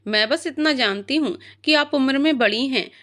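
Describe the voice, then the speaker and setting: A woman's voice: sits high, normal speed, a bit bright. A woman voicing a sweet, caring young bride in a storybook reading, speaking earnestly and politely.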